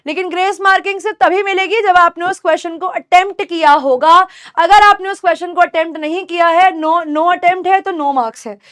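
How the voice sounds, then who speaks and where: Woman, very high voice, Indian English accent, young adult, grammar teacher, patient and repetitive explanations. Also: fairly even intonation, moderate pace, fairly bright tone. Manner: explains patiently, addresses students as beta, repeats points. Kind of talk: online exam-prep lesson.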